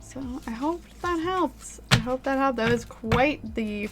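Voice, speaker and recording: A woman's voice: high-pitched, expressive, measured pace, music in the background. A woman giving casual, chatty tarot readings on a live stream, talking informally and swearing now and then. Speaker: tarot reader.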